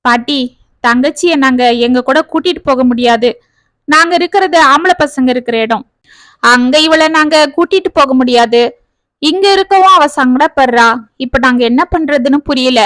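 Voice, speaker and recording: A worried young working man, voiced by a woman reading the story, explaining his family's troubles earnestly. The voice sits high and close, with no room around it. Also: moderate pace, a bit bright, no room sound.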